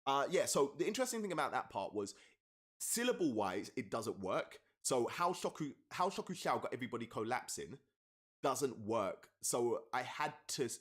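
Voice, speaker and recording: A man's voice: medium pitch, fairly bright tone, breathy edge. Man eagerly breaking down rap lyrics. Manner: enthusiastic, explains by counting syllables, thanks chat. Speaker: rapper and streamer. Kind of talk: live-stream lyric breakdown. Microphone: streaming setup with webcam.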